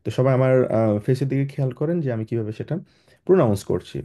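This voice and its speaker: A young man whose first language is Bengali, giving an online German lesson through a computer microphone. His voice is very dark and mellow at a middle pitch. He pauses often and restarts sentences, then spells each letter slowly for the students to repeat. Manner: hesitant, many fillers and restarts. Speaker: German teacher. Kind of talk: online class lecture. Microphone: computer mic on a video call.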